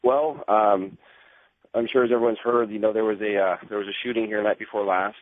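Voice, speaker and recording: A man calling into a radio show by phone, measured and matter-of-fact. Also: lowish voice, steady tone, dry recording. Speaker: caller. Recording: tinny phone line.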